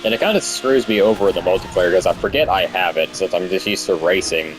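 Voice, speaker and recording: A young gamer records commentary at a quick clip, his low voice set against background noise. His casual talk is stoned and rambling, he gets sidetracked easily, and he curses without restraint.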